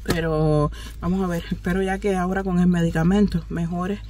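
Woman, Cuban Spanish accent, animated storytelling, phone at arm's length, car back seat. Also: on the low side, brisk, a little hiss or hum. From Cuba. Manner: chatty, animated, laughs often. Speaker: vlogger. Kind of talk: casual storytelling to camera. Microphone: phone held at arm's length.

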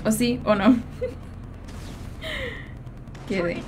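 A young Mexican woman livestreaming a game, talking to her chat in quick, slangy Spanish-flavored banter and teasing the viewers she greets. Her voice sits high. A faint hiss of noise runs underneath. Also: huge pitch swings. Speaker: streamer. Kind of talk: casual gaming livestream chat.

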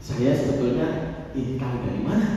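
Forties guy telling a story, thinking out loud, distant mic, big echoey church hall. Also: mid-range voice, fairly quick, background noise. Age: 40s. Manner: reflective, storytelling, working through numbers aloud. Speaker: priest. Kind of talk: informal birthday speech. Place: large church hall with tiled floor. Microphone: handheld microphone, filmed from far.

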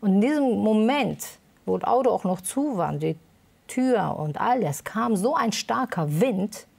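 Gravelly-voiced woman telling her story. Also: mid-range voice, animated, unhurried, a little mellow. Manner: hesitant, many fillers, emotional retelling. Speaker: interview guest. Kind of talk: personal testimony interview.

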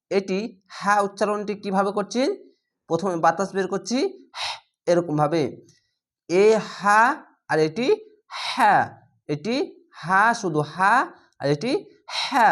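A man teaching Quran reading, explaining each rule and then chanting the words slowly and drawn out. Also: high-pitched. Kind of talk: spelled-out recitation lesson.

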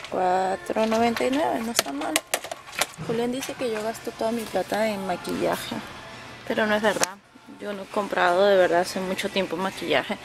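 A woman's voice: on the high side, gravelly, noisy background. A woman with a Peruvian accent, chatting through a casual shopping vlog and gushing over bargains. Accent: Peruvian Spanish. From Peru. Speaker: vlogger. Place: indoor discount store.

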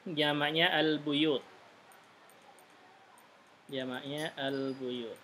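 A man's voice: fairly high pitch, fairly even intonation, extremely slow, fairly bright tone, slight background noise. A man teaching an Arabic class, patiently drilling pronunciation and tagging sentences with "gitu, ya". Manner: patient, repeats "gitu, ya" tags. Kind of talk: online class instruction.

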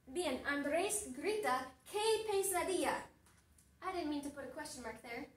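A woman teacher telling a story to her class, asking them slow, deliberate questions and repeating each sentence. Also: high-pitched, fairly bright tone, far from the mic. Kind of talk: story-based language lesson. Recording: roomy echo, voice off-mic.

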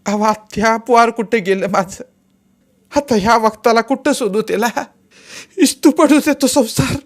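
A man's voice: animated, measured pace, a little mellow. A man reading aloud, voicing an anxious young village mother who is desperate to find her son. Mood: crying. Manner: high-pitched, pleading, tearful.

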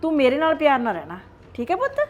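A woman with a Punjabi accent playing a scheming older grandmother who coaxes a child in a soft, conspiratorial way. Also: sits high, wildly swooping pitch, fast talker, slight background noise. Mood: coaxing. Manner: coaxing, conspiratorial.

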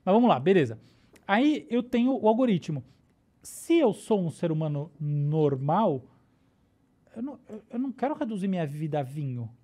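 A Brazilian woman on a podcast with a warm, mellow tone, laying out ideas step by step. She speaks in a relaxed way and keeps checking that her listener follows along. Her pitch sits in an ordinary middle range. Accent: Brazilian Portuguese. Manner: explanatory, often checks in with "tá?" and "né?". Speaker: neuroscientist guest. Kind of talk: casual podcast explanation.

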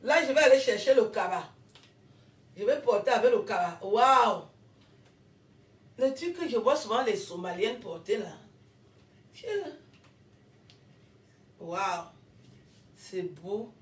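A woman's voice: on the high side, expressive, slow, long pauses, distant mic. A woman vlogging casually as she opens gifts, exclaiming often and thanking over and over. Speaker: vlogger and comedian. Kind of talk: casual unboxing vlog. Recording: roomy echo, voice away from the mic.

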